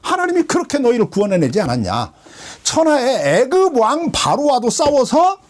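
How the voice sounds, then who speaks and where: A man's voice: very high-pitched, pitched above the performer's own voice. A man preaching who voices an elderly prophet urging a frightened people not to fear. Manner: exhorting, scolding, rising to shouts.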